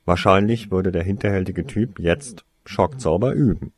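A man narrating a story in a measured, expressive reading. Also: low-pitched, breathy edge. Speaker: audiobook reader.

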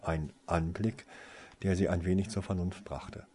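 A man reading a novel aloud in measured, even narration. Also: low voice, slight background noise. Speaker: audiobook narrator. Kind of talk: scripted narration.

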